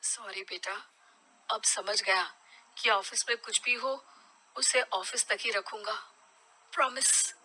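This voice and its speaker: A woman's voice: on the high side, moderate pace, sharp tone, poor audio. A woman voicing a grown husband and father who grumbles and makes demands. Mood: apologetic.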